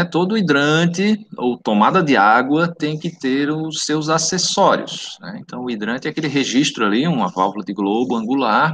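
A middle-aged male teacher lectures informally in a Santa Catarina Brazilian accent, turning his s into a slushy sh. His pitch is average and the sound is dry, as on a close video-call microphone. He talks conversationally, often adding little checking tags. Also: a bit bright, no echo. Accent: Santa Catarina Brazilian Portuguese. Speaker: technical course teacher. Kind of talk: informal live online lecture. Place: indoor room at home, online video call.

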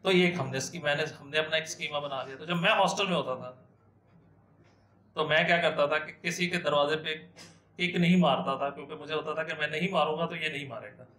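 Bright-voiced professor. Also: male voice, fairly high pitch, a little fast. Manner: explains with everyday examples and rhetorical questions, mixing in English terms. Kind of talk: classroom lecture. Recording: echoey room.

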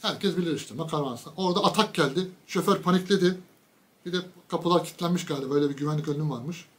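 A man's voice: on the high side, rapid-fire. A man giving a casual political commentary monologue, mocking and sarcastic, talking straight to his viewers with emphatic lists.

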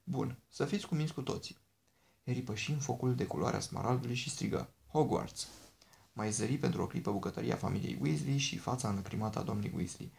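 Gravelly man reading an audiobook. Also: fairly low pitch, darkish tone. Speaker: audiobook narrator.

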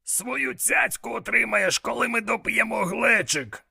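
A man's voice: very high-pitched, a little slow, vocal fry, bright, forceful tone, husky, pitched above the performer's own voice, heavily acted. A man voicing a cocky, sarcastic male demon mentor who grumbles brashly, in an audiobook.

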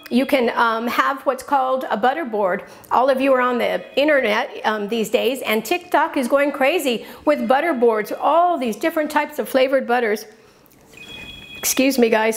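Upbeat woman hosting a home cooking show. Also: high voice. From New Mexico. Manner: chatty, upbeat, enthusiastic. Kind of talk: cooking demonstration. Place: home kitchen.

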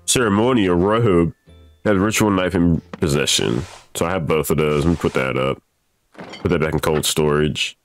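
A young man casually playing a horror game on stream, reading its instructions aloud, swearing and laughing nervously. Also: low voice. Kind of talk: casual let's play commentary.

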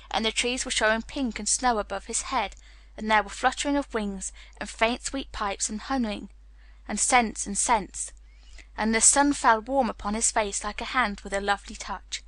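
Woman narrator for learner storybook, bright tone, dry close mic. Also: fairly high pitch, no echo.

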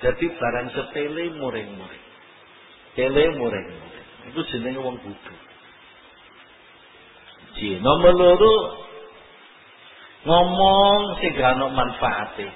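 A man's voice: mid-range voice, a little hiss or hum. Older man preaching, echoey hall. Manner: animated, chuckling often, slow deliberate delivery. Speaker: Islamic preacher. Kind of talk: sermon. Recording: echoey lo-fi phone-like hall recording.

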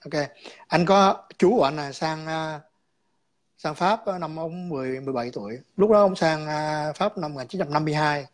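A man's voice: a little high, normal speed. A man calling in to a chat, explaining his views in a rambling way, repeating words and slipping in English terms.

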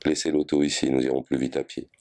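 A man's voice: a bass voice, flat delivery, quick pace, dark tone. A man voicing a polite, conciliatory young man escorting a visitor.

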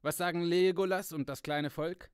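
A man reading aloud voices a proud male warrior, speaking loudly and urgently in a raised voice. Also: a little high, steady tone, moderate pace, smooth, no echo, studio quality, pitched above the performer's own voice, lightly acted. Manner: loud, insistent and urgent.

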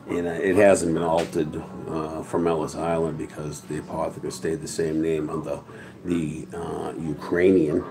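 A man's voice: low voice, low-quality recording. A man, rambling through a profane, tough-talking monologue to camera. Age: 40s. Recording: crowd noise in background.

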